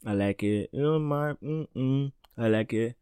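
A man's voice: medium pitch, a little slow, mellow, clean tone, no echo. A man hosting a casual music review podcast, rambling and often restarting his sentences in loose slang. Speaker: podcast host.

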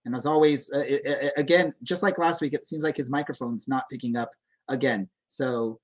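A man's voice: medium pitch, normal speed. A man casually hosting a soccer podcast, chatty, informal and rambling. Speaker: podcast host.

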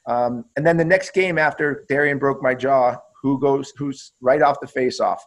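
A man's voice: medium pitch, normal speed, poor audio. A man who played pro hockey, telling stories in a casual interview and swearing freely, often repeating and restarting his words.

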